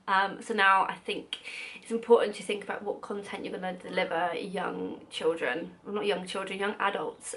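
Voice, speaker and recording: A British woman in her twenties talks casually to her viewers, with a bright, forward, sharp-edged voice. She chats loosely, swears without a second thought and laughs at her own fumbles. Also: mid-range voice. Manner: chatty and swears freely, laughs at herself. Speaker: vlogger. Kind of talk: casual chat to camera.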